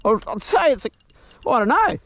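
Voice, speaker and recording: Out fishing on the water, a South Island man with a broad New Zealand accent banters casually with a mate and the camera, blokey and full of swearing. His voice is extremely high, swinging widely in pitch at a normal speed, and a bit bright. The recording is dry, with clear boat and water sounds outdoors.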